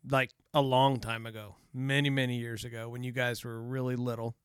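A middle-aged father, talking in a relaxed, joking way. His voice is smooth and resonant, at a middle pitch. It sounds close and dry, with no room echo. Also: a little fast. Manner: joking, teasing, relaxed storytelling. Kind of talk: casual family chat.

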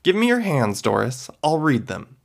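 A man reading a storybook, voicing an older woman fortune-teller who speaks gently and matter-of-factly. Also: on the high side, big pitch swings, normal speed, gravelly, pitched above the performer's own voice. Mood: knowing, solemn. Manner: gentle, matter-of-fact, grandly solemn.

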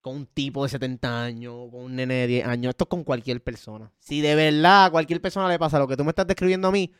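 A man telling a story in casual chat, animated and full of swearing. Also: mid-range voice, fast, smooth, no room sound, clean studio sound. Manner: animated storytelling, swears a lot, acts out quotes. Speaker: podcast co-host telling a story.

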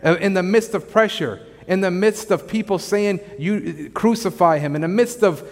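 A man preaching in a church, his slightly high voice ringing with a long hall reverb. He drives each point home by repeating short lines and keeps asking the congregation whether they follow. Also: moderate pace. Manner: emphatic repetition, asks the congregation questions. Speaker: pastor. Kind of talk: sermon.

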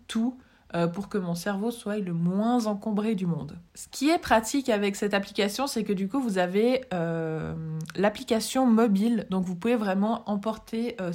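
A woman's voice: medium pitch, a little mellow. A young woman chatting casually as she gives organization advice straight to her viewers, with plenty of fillers and restarts. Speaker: vlogger giving organization tips. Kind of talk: casual advice talk to camera.

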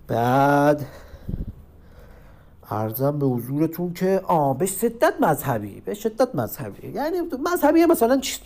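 Slangy young man telling street stories. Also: high-pitched. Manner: slangy, crude street talk with lively acted quotes. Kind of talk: casual storytelling monologue.

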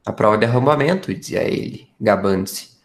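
A man's voice: on the low side, lively intonation, fairly quick, natural voice. A man playing a detective's earnest, impressionable companion in a radio drama, recounting findings expressively. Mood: earnest reporting.

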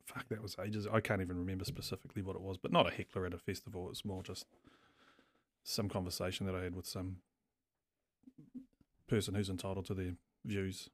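A man's voice: low voice, flat delivery, fairly quick, pauses often, no room sound. A man with a New Zealand accent chatting casually as a podcast guest, in a laid-back, blokey, sweary way. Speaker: craft brewer, podcast guest.

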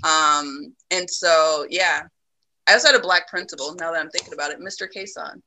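A woman from the United States talking reflectively in a casual conversation, often pausing with ums and laughing. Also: deep voice, steady tone, pushed and bright, slight background noise, poor audio.

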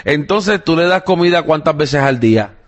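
A man from Puerto Rico with a Puerto Rican Spanish accent, hosting a casual family podcast and talking with his young daughter. He chats in a relaxed way with plenty of fillers and the odd English phrase. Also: a little high, normal speed, highs cut off. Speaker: podcast host and father.

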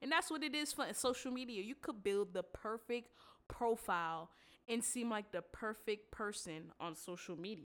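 A woman's voice: mid-range voice, moderate pace. A woman in her twenties hosting a solo podcast, talking candidly in slangy casual chat, congested from a cold. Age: 20s. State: congested, under the weather. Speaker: podcast host.

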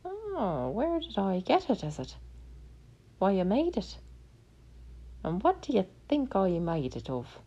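A woman voicing a crafty little male leprechaun who talks in sly, quick, high-pitched banter. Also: wildly swooping pitch, warm tone, muffled recording, full character voice.

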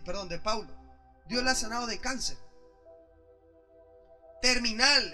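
A man preaches a sermon in church, with a high, very bright and piercing voice. He swings from loud, lively bursts to quiet, low asides as he acts out the people he quotes. Soft music plays faintly behind him. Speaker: pastor.

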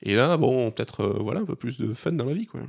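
A man co-hosting a casual gaming podcast, talking in a quick, relaxed, conversational way. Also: medium pitch, gravelly. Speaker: podcast co-host.

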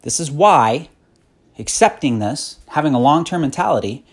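Podcast host, man, 30s, husky, blunt and profane, hard-driving motivational rant. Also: on the high side, lively intonation, moderate pace. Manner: blunt, profane, increasingly fired-up. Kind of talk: motivational monologue.

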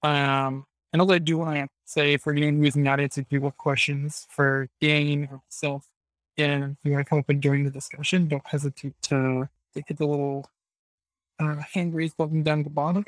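A man's voice: fairly high pitch, level tone, normal speed, no room sound, low-quality recording. A man casually hosting a live discussion, chatting informally in startup-community language. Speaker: host of a live audio discussion. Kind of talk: casual, conversational moderating.

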